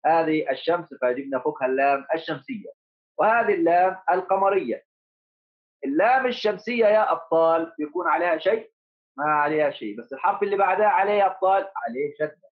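A man with a high voice teaches young pupils remotely, calling them heroes and coaxing them along. He repeats each rule, then asks a question and answers it himself. The sound is thin and phone-like. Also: expressive, quick pace. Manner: repeats key points, asks and answers his own questions. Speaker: primary school Arabic teacher. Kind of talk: remote lesson for children.

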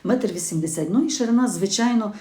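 Woman with a soft dark voice. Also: medium pitch, quick pace. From Ukraine. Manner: warm conversational, with hesitations and self-corrections. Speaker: gardening channel host. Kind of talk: casual spoken garden review.

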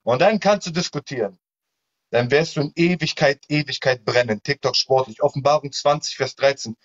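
A man's voice: mid-range voice, normal speed, a bit bright. A man preaching in a heated live-stream debate, admonishing and repeating fire-and-brimstone warnings. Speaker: online evangelist. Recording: muffled lo-fi live-stream audio.

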